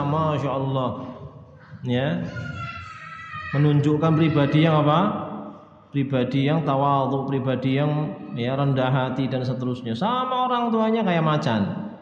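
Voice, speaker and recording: A male preacher, giving a religious lecture. He recites Arabic texts, explains them, and asks the audience questions he answers himself. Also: fairly high pitch. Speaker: Islamic preacher. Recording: echoey hall, dull sound.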